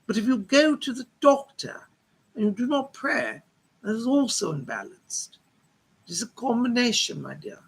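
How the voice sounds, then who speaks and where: Man as seance medium channeling a husky, genteel lady spirit. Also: extremely high pitch, expressive, full character voice, poor audio. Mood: soothing, solemn. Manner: genteel, old-fashioned, slow solemn reassurance. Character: gentle motherly woman spirit named Rose, consoling.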